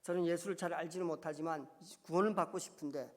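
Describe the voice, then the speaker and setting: A man's voice: a little high, fairly even intonation, quick pace, darkish tone. A man from North Korea, a pastor, giving an earnest testimony sermon that swells into impassioned cries. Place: church sanctuary. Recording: long reverb of a church hall.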